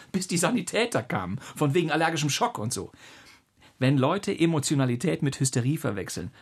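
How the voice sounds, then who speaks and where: A man's voice: on the high side, slightly rough. A man playing a pedantic, smug, know-it-all father in a radio comedy sketch. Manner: lecturing, smug, over-precise. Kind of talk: scripted radio comedy acting.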